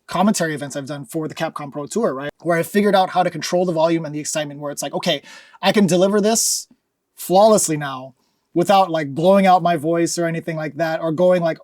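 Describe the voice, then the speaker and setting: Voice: mid-range voice, quick pace, darkish tone, no echo. Reflective commentator, dry close sound. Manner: reflective, filler-heavy. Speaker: fighting game commentator. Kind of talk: casual interview.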